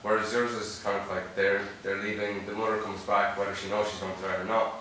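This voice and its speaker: A man's voice: lowish voice, level tone, brisk, a bit bright, a little hiss or hum. A man asking an audience question at a Q&A, earnest and rambling with many fillers. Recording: echoey hall, distant mic.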